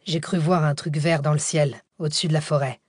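A hunted man at the wheel in a thriller audiobook, terse and clipped, as a woman reader voices him. Her voice sits low and the recording is dry. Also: fairly even intonation, fairly quick, darkish tone, husky, no echo. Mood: urgent. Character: tense male driver fleeing killers.

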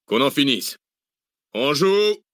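A man's voice: lowish voice, lively intonation, moderate pace, sharp tone, no room sound. A man voicing a cynical, brutal male mercenary chief who barks orders and mocks, in a dry audiobook reading. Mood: barking. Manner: barking orders, mocking laughter.

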